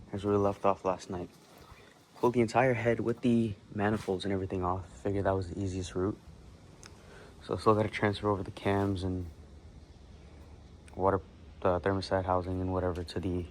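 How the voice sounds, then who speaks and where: A man's voice: low-pitched, flat delivery, normal speed, long pauses, a little mellow, a little hiss or hum, low-quality recording. A young man narrating a casual car-build vlog in his home garage, laid-back and swearing freely, recorded on a camera mic.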